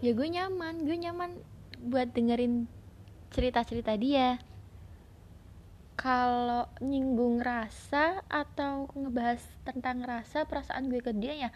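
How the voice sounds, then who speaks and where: A woman's voice: high voice, fairly even intonation, a little slow, a little mellow. A young woman rambles reflectively in informal slang, as the host of a casual personal podcast. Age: young adult. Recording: noticeable background noise.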